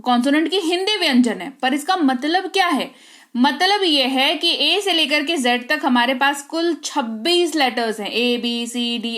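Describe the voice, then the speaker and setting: A woman with a high voice teaches an English spelling lesson. She speaks patiently, slowing down to repeat each example word. She keeps checking that her students follow. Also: fairly bright tone. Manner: patient, repeats words slowly and checks in with "ठीक है?".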